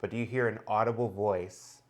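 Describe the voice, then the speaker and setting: A man's voice: fairly low pitch, fairly even intonation, brisk. A man co-hosting a casual chat, explaining ideas at length and thinking aloud with many fillers. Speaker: co-host.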